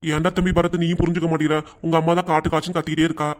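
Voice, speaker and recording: A man voicing a patient middle-aged cartoon father who answers his wife and son softly and defensively. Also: on the high side, level tone, racing, natural voice. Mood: pleading. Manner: soft, pleading and defensive. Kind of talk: cartoon voice acting.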